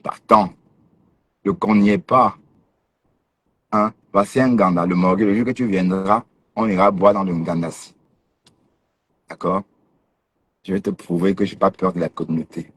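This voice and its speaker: A man talks straight at a rival on his livestream, teasing and challenging him. His voice sits a little low and comes out husky. He jeers and scolds in a casual, unscripted way. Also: steady tone, moderate pace, long pauses, no room sound. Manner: mocking, confrontational, teasing laughs. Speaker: livestream host.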